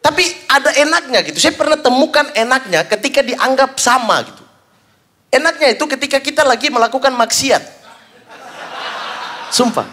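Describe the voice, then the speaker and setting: A young man doing stand-up comedy, telling stories with animated acted-out voices. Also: moderate pace, pauses often. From Papua, Indonesia. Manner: animated storytelling, acts out high shouted voices of fans. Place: stage before a live audience.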